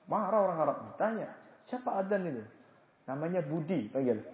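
A man giving a religious study lecture in a joking, lively way, acting out anecdotes and chanting prayer phrases as examples. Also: a little high, brisk. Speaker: religious teacher. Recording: echoey, dull lo-fi room recording.

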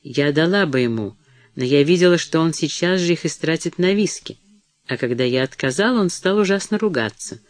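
A woman's voice: deep voice, animated, a little fast, no echo. A male reader voicing a stiff, proud younger woman who cries out sharply between sobs in an audiobook. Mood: sobbing.

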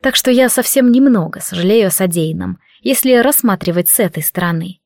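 Lady reading a calm young maid, quiet and restrained, dry close mic. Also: mid-range voice, a little fast, vocal fry, no room sound, close to an everyday voice. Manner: quiet, restrained, soft-spoken.

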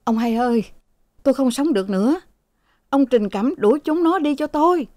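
A woman voicing a sick, bedridden older father who scolds and pleads in a shrill voice. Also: expressive, normal speed, mellow, no echo, natural voice. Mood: pleading.

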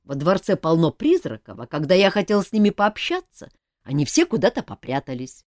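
Woman reading as a male king, inquisitive, amused, low pitch, dry close sound. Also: sing-song, fairly quick, darkish tone, dry recording. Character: curious, playful middle-aged male king. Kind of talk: audiobook reading.

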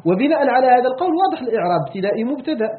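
A man's voice: very high voice, lively intonation, very fast. A man with a Moroccan accent teaching a Quran commentary class, explaining a text, repeating key words and checking with his students. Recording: tinny phone-like recording.

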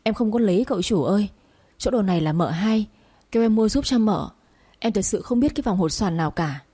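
A woman voicing a frightened young wife who pleads and weeps in a higher voice. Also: lively intonation, brisk, warm tone, breathy edge. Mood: sobbing.

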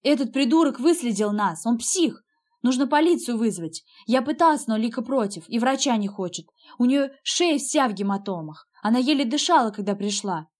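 A woman's voice: fairly high pitch, animated, normal speed. Woman reading as an indignant young brother. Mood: heated. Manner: heated, indignant shouting. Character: angry defensive young man, the narrator's brother.

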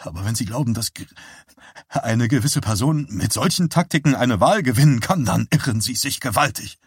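A man's voice: lively intonation, moderate pace, husky, no room sound. A man voicing a terrified middle-aged man who pleads in a strained, raised voice, recorded dry. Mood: shaken. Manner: frightened, strained, high-pitched pleading.

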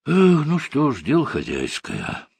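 A man's voice: medium pitch, wildly swooping pitch, unhurried, vocal fry, a little mellow, breathy edge, no room sound, voice pushed up, heavily acted. A man reading an audiobook, voicing a friendly, persuasive Soviet official with an easygoing manner.

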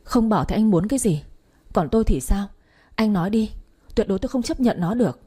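A woman voicing a betrayed wife who shouts demands at her husband, reading a story aloud. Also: medium pitch, lively intonation, brisk, breathy edge. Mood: shrill anger. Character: betrayed wife, furious and desperate.

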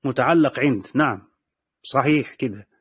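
A male teacher with an Egyptian accent explains a classical text at an unhurried pace, going back over key phrases and reading quoted passages slowly. His voice sits at an ordinary middle pitch and sounds dry and close, with no room echo. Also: slightly rough. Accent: Egyptian Arabic. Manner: asks the class rhetorical check questions.

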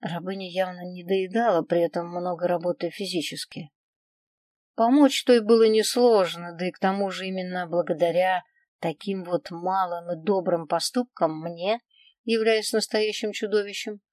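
A woman narrating a first-person audiobook in an even, measured reading. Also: fairly low pitch, no room sound. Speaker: audiobook reader.

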